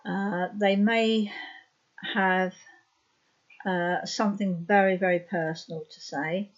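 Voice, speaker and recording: Woman in her 50s, sore throat, low voice, slow hesitant talk, dull lo-fi recording. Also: a little mellow. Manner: slow and hesitant, many ums and uhs. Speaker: trance medium. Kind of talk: explanatory talk to camera. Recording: dull lo-fi sound.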